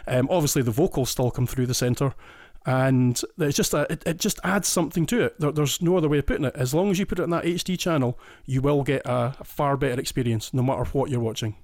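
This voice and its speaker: A Scottish man, guest listener on a casual podcast, talks eagerly and at length, explaining in detail and often restarting his sentences. His mid-range, darkish voice moves fast and is recorded in clean studio sound with no echo.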